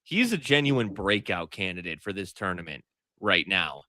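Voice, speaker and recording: A man's voice: low-pitched, big pitch swings, moderate pace, pushed and bright, no room sound, studio quality. A man co-hosting a casual hockey analysis chat, talking through his opinions in an informal way. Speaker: sports show co-host. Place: hockey arena after a game. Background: arena ambient noise.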